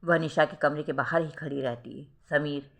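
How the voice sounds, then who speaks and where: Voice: medium pitch, fairly even intonation, moderate pace, gravelly, a bit bright. A storyteller reading a self-written romantic drama aloud, voicing every role in a melodramatic way. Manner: melodramatic, reads all roles. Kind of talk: scripted story narration.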